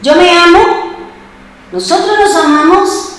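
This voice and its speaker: A woman's voice: extremely high pitch, unhurried, fairly bright tone, heavy reverb, rough recording. A woman preacher giving an emphatic sermon, asking her congregation rhetorical questions. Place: church.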